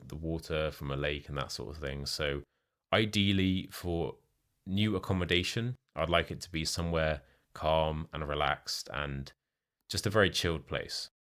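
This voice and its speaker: Very deep-voiced young British man, tutoring. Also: steady tone, a little slow, a bit bright, smooth, dry recording, clean studio sound. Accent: modern British. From United Kingdom. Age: young adult. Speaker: English speaking tutor. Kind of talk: explanatory language lesson with sample exam answers.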